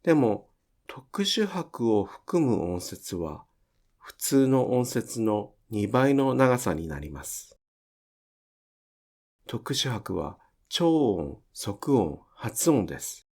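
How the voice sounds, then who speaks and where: A man teaching Japanese pronunciation in a slow, careful explanatory lesson, drawing out his example words. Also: mid-range voice, big pitch swings, vocal fry, darkish tone.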